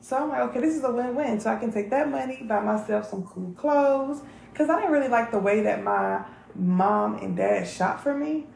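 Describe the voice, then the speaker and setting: A woman's voice: on the high side, moderate pace, vocal fry, a little mellow, roomy sound, slight background noise, rough recording. A woman, chatting candidly to camera in a casual vlog and swearing freely. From North Carolina. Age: 30s. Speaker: vlog host.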